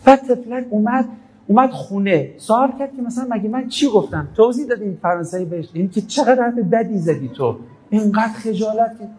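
A man's voice: high voice, animated, a little mellow, poor audio. Conversational man giving a religious talk. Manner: conversational storytelling, quoting scripture. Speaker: preacher.

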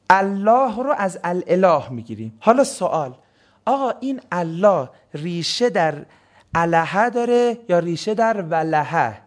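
Male teacher with a high voice, lecturing the class in a Q&A way. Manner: asks the class questions and answers them himself. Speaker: religious studies teacher. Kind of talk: classroom lecture on Quranic words.

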